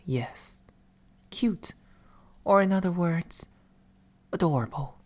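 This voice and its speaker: Close to a binaural microphone, a man voices a gentle, teasing sleep paralysis demon for ASMR. His slightly high voice is exaggerated, breathy, and frequently whispered, delivered slowly with theatrical closeness.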